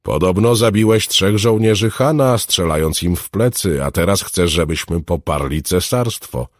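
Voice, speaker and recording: A deep-voiced man doing a brutish, arrogant smuggler with a scarred face, pitched well above the reader's own low register and pushed louder. The voice is taunting and mocking, husky at the edges, with a close, dry sound. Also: sing-song, measured pace, no echo, heavily acted. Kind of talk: audiobook character reading.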